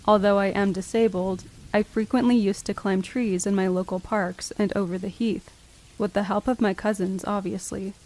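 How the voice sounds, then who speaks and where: Give a woman narrator reading true horror stories from a script. Her voice sits at an average pitch for a woman, and she tells each account in the first person as a storyteller would. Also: steady tone, normal speed, a little mellow, low-quality recording.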